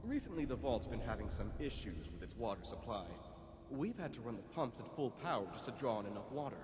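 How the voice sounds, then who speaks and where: A stern, businesslike vault deputy overseer, voiced by a man, laying out jobs in a dry, doubting manner and letting his pitch rise and fall a good deal. His voice carries a roomy echo with a long reverb tail and clear ambient sound behind it, as heard in video game audio. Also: sing-song, brisk, background noise, natural voice.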